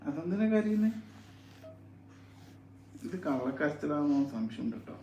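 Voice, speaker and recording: A father talking softly with his young child at home, coaxing and soothing with repeated gentle questions. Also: a little high, lively intonation, normal speed, muffled recording, a little hiss or hum. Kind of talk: casual home video chat with his child. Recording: roomy echo.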